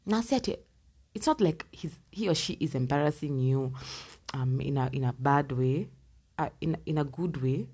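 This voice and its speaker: Woman podcast host recording at home, low gravelly voice, casual and emphatic. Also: normal speed. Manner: casual, repeats points for emphasis, slips into soft half-whispers. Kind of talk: solo self-improvement podcast talk.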